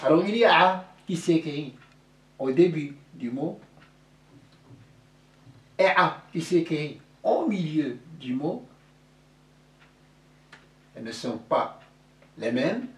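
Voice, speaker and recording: A man's voice: on the high side, lively intonation, slow, long pauses. A man gives a classroom-style lesson at a crawling pace, drawing out every sound and repeating it several times. He sounds a little distant from the mic, and the room around him is echoey. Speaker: Arabic teacher.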